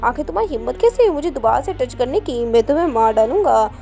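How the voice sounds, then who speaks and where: A woman's voice: high voice, animated, fast, vocal fry, warm tone, soft background music. A woman reading the lines of a violent, threatening masked male thief. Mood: menacing.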